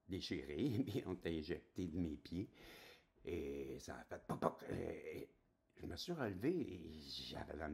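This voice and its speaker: Speaking in a rumbling low voice that's a little mellow, a spiritual channel host in his sixties recounts something from his own life. He has a Québécois French accent and drifts along in a talkative way, making sure his viewers keep up.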